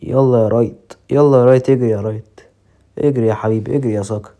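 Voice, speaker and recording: Man, Egyptian accent, gameplay commentary, rapid, excited and joking. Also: medium pitch. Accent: Egyptian Arabic. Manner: shouts play-by-play, joking. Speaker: mobile football gamer.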